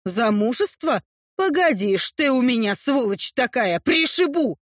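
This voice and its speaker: A woman voicing a fiery young sorceress who snaps in sharp, indignant outbursts, in an audiobook reading. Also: fairly high pitch, sing-song, unhurried, no room sound, clean studio sound. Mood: furious. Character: fiery young female sorceress, hot-tempered. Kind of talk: audiobook character voice.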